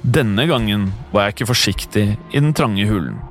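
A man's voice: fairly low pitch, soft background music. Man narrating a tense horror tale. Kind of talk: scripted first-person horror narration.

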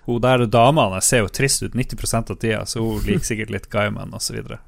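A man in casual podcast chat, cracking irreverent jokes with a deadpan delivery. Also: fairly low pitch, creaky, dry recording. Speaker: podcast co-host.

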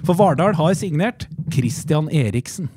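A man's voice: a little high, expressive, background noise. A man hosting a casual football chat, reading out transfer news in a playful way with dry asides. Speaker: podcast host.

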